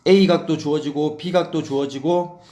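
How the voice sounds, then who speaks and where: A man's voice: on the high side, steady tone, slow pace, mellow. Casual man teaching a math lesson. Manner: casual, keeps checking in with the listener; talks through his board work while writing.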